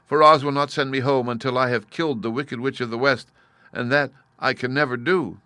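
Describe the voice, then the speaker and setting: A small girl in a storybook, frightened and tearful, her pleading lifted high. A man puts her on, bright and close, on a dry recording. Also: steady tone, a little fast, no room sound, natural voice. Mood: sad. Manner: tearful, pleading, higher-pitched. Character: young girl, weepy and frightened.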